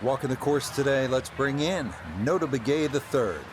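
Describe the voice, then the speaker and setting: A man giving golf commentary as play-by-play host, in measured, polished phrases. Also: medium pitch, background noise. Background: music and crowd.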